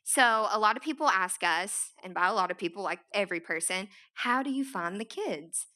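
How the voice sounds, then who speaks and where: A woman's voice: medium pitch, lively intonation, moderate pace, pushed and bright. A woman with an East Tennessee Appalachian Southern accent giving an informal, chatty, self-deprecating talk as a nonprofit founder. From East Tennessee, United States. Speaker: nonprofit founder speaking to an audience. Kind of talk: informal, conversational public talk.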